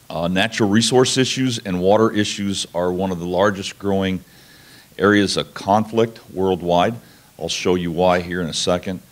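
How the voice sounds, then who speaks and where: A man from New Mexico, giving a conference presentation in an informal, folksy, explanatory way. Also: deep voice. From New Mexico, United States. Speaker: conference speaker, national laboratory researcher.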